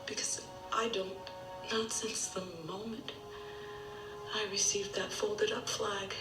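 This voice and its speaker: An actress playing a grieving mother of a fallen soldier, quiet and bitter, in a TV drama. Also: medium pitch, little pitch movement, takes it slowly, distant mic, close to an everyday voice. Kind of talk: TV drama acting. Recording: TV audio heard from afar in an echoey room with music.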